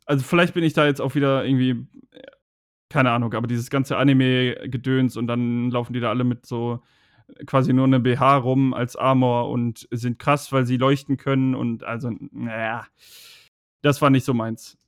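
A man's voice: mid-range voice, flat delivery, moderate pace, clear, resonant tone, no echo, clean studio sound. A man chatting casually on a podcast about a video game, talking in a rambling, hesitant way with many fillers.

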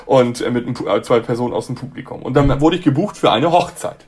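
A middle-aged man from Hamburg, a ventriloquist, telling a lively, self-mocking anecdote in a casual interview. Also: medium pitch, fast talker. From Hamburg, Germany. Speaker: ventriloquist guest.

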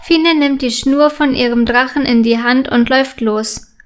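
A woman reads a children's story aloud with a high voice. Her storytelling is clear and expressive, and she takes it slowly, giving every sentence room.

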